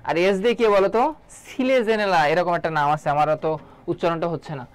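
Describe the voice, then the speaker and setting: A man's voice: fairly high pitch, clean tone. A man teaching an online exam-prep biology class, quizzing students and repeating key terms to drill them. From Bangladesh. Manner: quick, drilling delivery.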